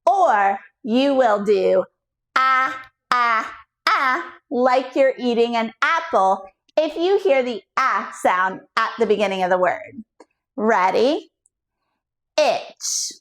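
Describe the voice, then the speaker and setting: A woman teaching a children's reading lesson, slow and clear, in a sing-song teaching way. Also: fairly high pitch, expressive. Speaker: literacy coach.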